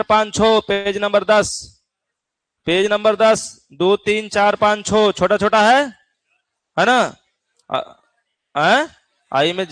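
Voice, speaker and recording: Bihari guy teaching physics, homely chatty style, kinda high voice, dry close sound. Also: a bit bright, no echo. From Bihar, India. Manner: folksy, keeps checking in with students. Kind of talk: classroom exam-prep lecture.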